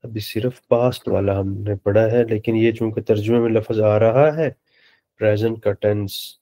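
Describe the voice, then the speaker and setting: A man teaching a beginner Arabic lesson, speaking slowly and patiently and repeating words for his students. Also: fairly low pitch, steady tone, warm tone. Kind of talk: online lecture in Urdu.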